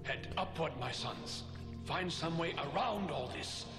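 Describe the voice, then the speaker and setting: A man playing a wise, fatherly old rat master in a cartoon, with a measured, formal way of talking. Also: on the high side, expressive, gravelly. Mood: calm, guiding. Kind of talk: cartoon mentor acting. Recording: echoey reverberant cartoon audio with music.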